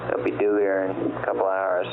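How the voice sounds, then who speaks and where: A man's voice: sits low, monotone, brisk, phone-quality sound, background noise. A man working as a flight director, giving instructions and questions on a mission control radio loop.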